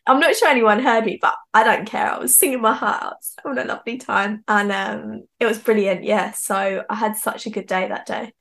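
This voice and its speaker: A woman's voice: mid-range voice, fairly even intonation, fairly quick, vocal fry, hardly any pauses, a bit bright. A young woman, a singer-songwriter chatting as an interview guest, giggly and full of "like" fillers. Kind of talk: casual interview chat.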